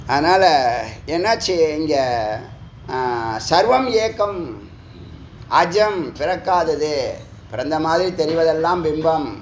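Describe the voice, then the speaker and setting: A man giving a spiritual discourse, scolding his listeners with teasing rhetorical questions. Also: fairly high pitch. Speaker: spiritual teacher. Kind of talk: Tamil discourse on scripture. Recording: echoey room, faint background noise.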